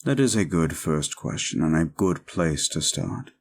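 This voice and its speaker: In a scripted audio roleplay, a man voices a suave, courtly vampire who is controlling and possessive, delivering a slow, intimate monologue. His speech is formal, deliberate and commanding, with an extremely low, gravelly, husky voice that is animated and heavily acted. The mood is possessive and measured.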